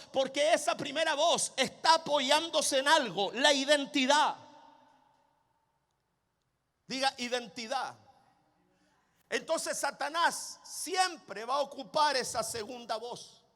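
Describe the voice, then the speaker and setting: A man's voice: extremely high pitch, unhurried, a bit bright. A man preaching a sermon, emphatic and repetitive, calling on the congregation to repeat his words. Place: church sanctuary with long reverb. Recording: long hall reverb.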